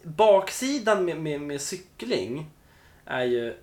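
A man in casual chat, telling a story with animated, joking energy. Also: on the high side.

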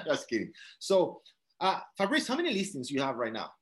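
A man's voice: fairly high pitch, huge pitch swings, moderate pace, a bit bright. A man from South Dakota leading a real estate team meeting over a video call, encouraging and checking in with "all right?" often. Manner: encouraging, repeats phrases, frequent "all right?" check-ins.

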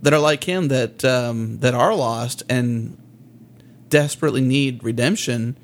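A man's voice: mid-range voice, a little slow. A man co-hosting a church podcast, chatting casually and easily with many fillers. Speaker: podcast co-host.

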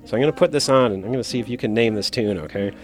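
A record collector and DJ gives a casual, hands-on demonstration, speaking very fast in a mid-range voice. Old records play behind him throughout.

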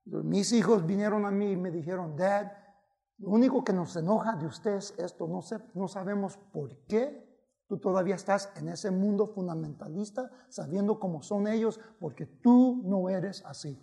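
Man preacher, gravelly voice, high pitch, unhurried, bilingual sermon. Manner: switches between Spanish and English, exclaims and shouts at peaks.

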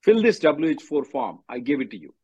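Over muffled, lo-fi conference call audio, a lawyer fields questions with blunt instructions, frequently saying things twice. His voice runs a little high with big swings in pitch, brisk, dark in tone and edged with breath.

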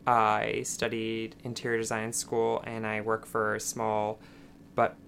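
A man in his twenties from Utah, a guest on a podcast, speaking in relaxed casual chat. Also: on the low side, a little slow, vocal fry, slight background noise. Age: 20s.

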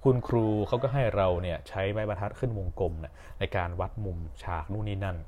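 A man's voice: fairly low pitch, quick pace, darkish tone, slight background noise. A young man hosting a podcast, telling a personal story in a casual, rambling way with fillers and self-corrections. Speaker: podcast host.

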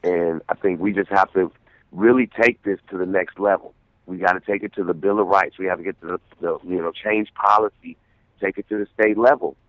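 A man's voice: deep voice, fairly even intonation, a little fast, dry recording. A man from San Francisco, a guest artist, talking earnestly in a casual radio interview, often repeating words as he thinks. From San Francisco, USA. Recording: tinny phone line.

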